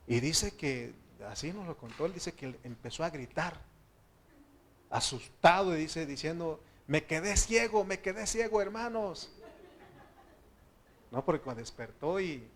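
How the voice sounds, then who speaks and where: A man's voice: medium pitch, a little hiss or hum. A man with a Mexican Spanish accent, a pastor giving a conversational sermon with anecdotes and then praying fervently. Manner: conversational preaching with anecdotes, rising to fervent prayer. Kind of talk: sermon with closing prayer.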